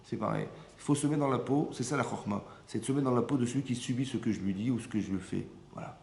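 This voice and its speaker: A rabbi teaches a Torah class in a medium-pitched, creaky voice with a darkish tone, talking fast. He keeps stopping to check that his listeners are following and drifts into repetitive asides. The echoey room carries a faint background hum.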